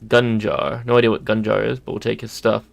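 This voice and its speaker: Man streamer, gravelly, casual muttered play-by-play. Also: fairly low pitch, flat delivery, brisk, no echo. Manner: muttering, thinking aloud while looting. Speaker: gameplay streamer. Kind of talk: casual gameplay commentary.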